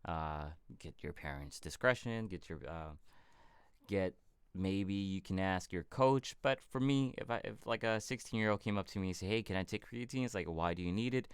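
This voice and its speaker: A man from California hosting a casual fitness livestream Q&A, answering viewer questions in a relaxed, rambling way. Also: deep voice, normal speed, clean tone, dry recording. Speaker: fitness channel host.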